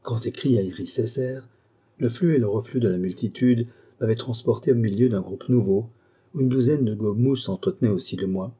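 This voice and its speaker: A man reading a memoir aloud as audiobook narrator in a measured storytelling tone. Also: mid-range voice, warm tone, slightly rough. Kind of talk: scripted narration.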